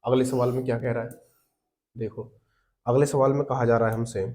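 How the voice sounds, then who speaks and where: A man's voice: mid-range voice, level tone, fairly quick, a little mellow. A man teaching an exam-prep lesson, explaining step by step and answering his own questions, often calling the listeners brother.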